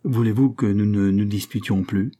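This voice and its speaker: A man's voice: lowish voice, steady tone, moderate pace, mellow, close to an everyday voice. A male reader voicing a jovial American man who coaxes and teases. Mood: cheerful.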